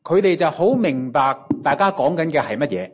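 A man's voice: fairly high pitch, sing-song, slightly rough, soft background music. Cantonese-accented man preaching a sermon. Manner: pauses often, starts phrases with a drawn-out interjection. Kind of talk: sermon in Cantonese with live interpretation.

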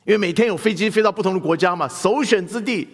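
A male pastor preaching a sermon in animated style, asking the congregation questions. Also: high-pitched, quick pace, long reverb tail.

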